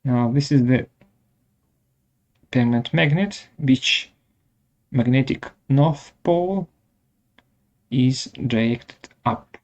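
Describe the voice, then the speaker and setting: A man with a gravelly, mid-range voice walks through a software tutorial step by step, using short, halting instructional phrases. The high frequencies are cut off.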